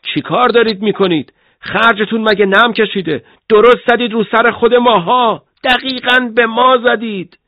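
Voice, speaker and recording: A man voicing a stern army lieutenant who is quick to anger, in a husky voice in an audiobook. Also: a little high, no room sound, lo-fi sound, voice pushed up. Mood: angry.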